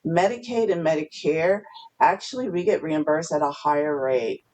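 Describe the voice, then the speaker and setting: A woman from New Jersey explaining her work as a podcast guest, steady and explanatory with some fillers. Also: low voice, moderate pace, rough recording. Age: older. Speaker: guest, health clinic CEO. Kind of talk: podcast interview.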